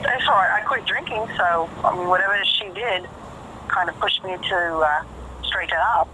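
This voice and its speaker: A woman's voice: on the low side, moderate pace, sharp tone, a little hiss or hum. A woman talking casually on a phone call, emphatic and profane, repeating phrases for stress. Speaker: caller.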